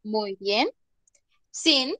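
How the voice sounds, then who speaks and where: Slow, patient woman teacher. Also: mid-range voice, animated, bright, forceful tone, dry recording. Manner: patient, checks in with "¿listo?". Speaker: English teacher. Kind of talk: online class explanation.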